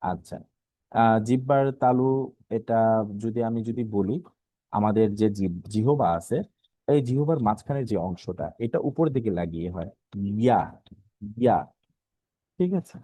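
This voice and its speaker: A man teaching an online Quran recitation lesson, patiently repeating each letter sound slowly and pausing often with filler sounds. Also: lowish voice, lively intonation, dark tone, no echo. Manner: halting, with many filler sounds.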